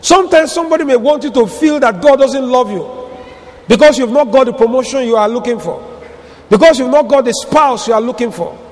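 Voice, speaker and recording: A man preaching a sermon in a church, stretching out key words and now and then shouting for emphasis. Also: very high-pitched, fairly quick, big-room sound. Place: church hall.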